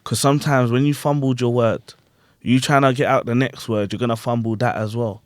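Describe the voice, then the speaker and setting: A man's voice: medium pitch, fairly quick, no echo. A man hosting a podcast and chatting casually about performing, full of slang and check-ins with his guests. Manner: animated, slangy, repeats "you get what I'm saying". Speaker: podcast host and grime MC. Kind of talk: casual chat.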